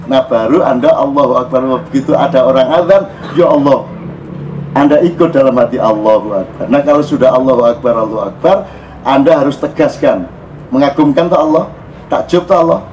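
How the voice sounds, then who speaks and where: A man giving an informal religious talk to a crowd, lively and joking, dropping into phrases and acting out exclamations. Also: medium pitch, a little fast, lo-fi sound, a little hiss or hum. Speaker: religious speaker at a public gathering. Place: open-air public gathering.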